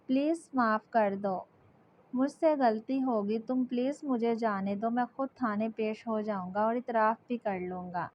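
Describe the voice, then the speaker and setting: A woman's voice: fairly high pitch, a little hiss or hum, lightly acted. A woman voicing a guilty young man who begs for forgiveness, in a dull lo-fi recording. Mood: begging. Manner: pleading.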